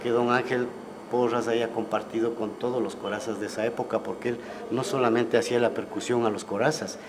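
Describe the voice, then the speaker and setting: A man, a guest musician recalling the past in a relaxed, storytelling way and often ending with tag questions. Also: medium pitch, brisk, crowd noise. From Ecuador. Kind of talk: casual interview conversation. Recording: clear background noise.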